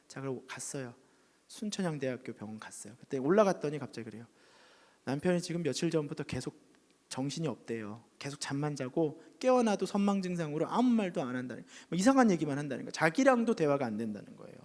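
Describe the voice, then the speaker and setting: A man's voice: fairly high pitch, fast. A male pastor who preaches a sermon by telling a story, acting out the people in it and sometimes dropping to a whisper. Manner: animated, acts out voices and drops to a whisper at times. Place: church sanctuary. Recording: long church reverb.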